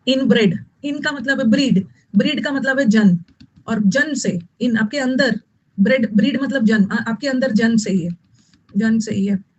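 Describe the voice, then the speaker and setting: A woman's voice: a little high, measured pace, muffled recording. A woman teaching English vocabulary in an online exam-prep lesson, repeating key words and scolding students.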